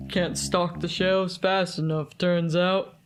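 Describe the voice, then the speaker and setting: A woman's voice: on the low side, steady tone, slow pace, over music. A woman putting on a chuckling old country man. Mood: flirty. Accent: American Southern put-on. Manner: drawling, chuckles between lines.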